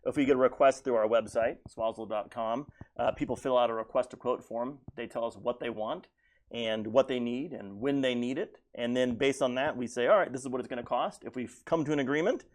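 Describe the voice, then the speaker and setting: A man's voice: medium pitch, fairly even intonation, a little fast, darkish tone. An American man who builds puppets, explaining his work in a casual interview.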